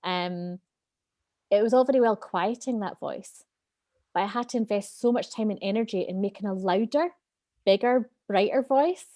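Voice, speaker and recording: A woman's voice: mid-range voice, moderate pace, dry recording, studio quality. A woman wellbeing expert talking earnestly and openly as an interview guest. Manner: earnest, open, animated. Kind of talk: candid interview talk.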